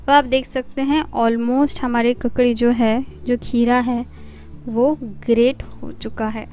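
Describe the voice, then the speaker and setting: A middle-aged woman hosting a cooking show, calmly explaining each recipe step and listing the ingredients one by one in a voice-over. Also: a little high, takes it slowly, soft background music.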